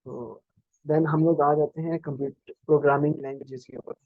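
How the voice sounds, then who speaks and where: A man giving a programming lecture, explaining slowly with many fillers and restarts, over a video call. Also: fairly high pitch, little pitch movement, no echo, narrow, tinny audio. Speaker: programming instructor. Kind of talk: live online lecture.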